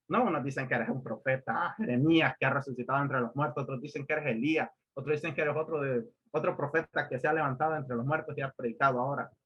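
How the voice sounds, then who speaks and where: A man sharing an emotional personal testimony on a video call, an animated storyteller whose voice climbs high when he gets excited. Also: breathy edge. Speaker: youth speaker sharing a testimony. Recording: muffled lo-fi video call audio.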